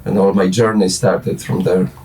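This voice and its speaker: With a low, darkish voice that barely shifts in pitch, a Polish musician in his forties talks at a moderate pace as a late-night interview guest. His Polish-accented speech rambles casually, hesitating with many restarts and fillers. He sits far from the mic, with a little hiss or hum audible.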